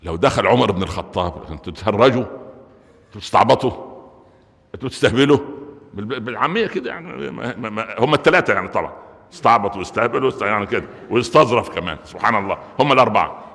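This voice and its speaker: Egyptian guy giving a friday sermon, talks fast, lots of questions to the crowd, booming reverb hall. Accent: Egyptian Arabic. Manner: lively, joking, full of rhetorical questions. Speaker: preacher. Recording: long reverb of a large hall.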